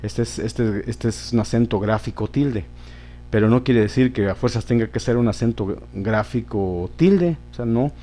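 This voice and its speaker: Man, teacher, grammar lesson, patient, repetitive, warm mellow voice, mid pitch. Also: normal speed. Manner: patient, repeats words and checks with "¿sí?".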